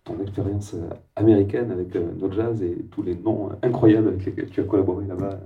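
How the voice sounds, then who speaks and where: A man with a very deep voice asks interview questions, halting and searching for his words. He sounds distant from the microphone, and the sound is dull and muffled. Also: fairly even intonation, faint music behind.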